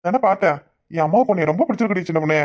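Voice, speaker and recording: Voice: mid-range voice, animated, rapid-fire, a little mellow, close to an everyday voice. A voice actor playing a coaxing young village husband in a cartoon, with a Kanyakumari Tamil accent. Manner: coaxing, pleading.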